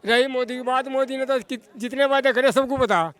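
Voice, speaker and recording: A villager, a man, answering a street interview with forceful, indignant complaints. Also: very high-pitched, steady tone, moderate pace, smooth.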